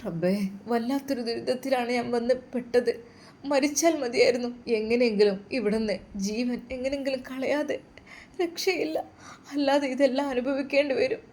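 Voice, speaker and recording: A woman's voice: sits high, fairly even intonation, moderate pace, darkish tone, pitched above the performer's own voice, close to an everyday voice. Frightened pregnant young wife, pleading, voiced by a woman. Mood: despairing. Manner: pleading, tearful.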